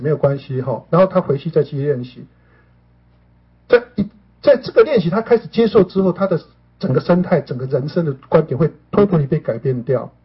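A man's voice: fairly high pitch, breathy edge. A man talking casually to his listeners as a show host, often asking if they follow him and mixing in English words. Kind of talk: conversational talk to listeners. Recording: dull lo-fi recording.

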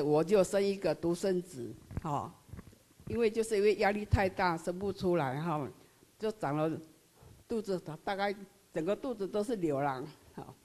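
An older woman with a Taiwanese Mandarin accent, telling her personal story in a halting, earnest way, full of tag particles. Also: on the low side, darkish tone. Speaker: member sharing her experience. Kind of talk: personal testimony.

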